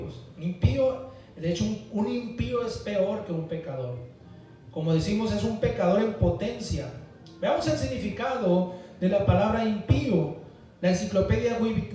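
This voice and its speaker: A man with a high, mellow voice preaches emphatically to his congregation, pausing for amens. He is picked up from a distance in a very echoey church hall, so his words ring around the room. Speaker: pastor. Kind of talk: Sunday school sermon.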